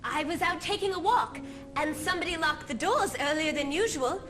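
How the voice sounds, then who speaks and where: A woman's voice: high voice, expressive, normal speed. A young woman playing an anxious teenage daughter. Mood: pleading. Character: nervous teenage girl, eldest daughter, sneaking home. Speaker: stage musical actor. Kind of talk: stage musical acting.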